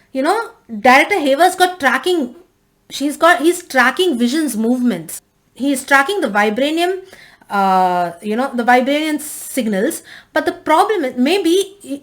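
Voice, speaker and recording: A woman's voice: high voice, fairly bright tone. A woman casually recapping and reviewing a TV episode, rambling with frequent restarts and fillers.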